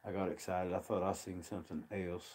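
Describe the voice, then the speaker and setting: Low-pitched Appalachian man, folksy and casual. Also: level tone, a little fast, a little mellow, husky. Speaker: livestream host. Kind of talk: casual rambling commentary over field footage.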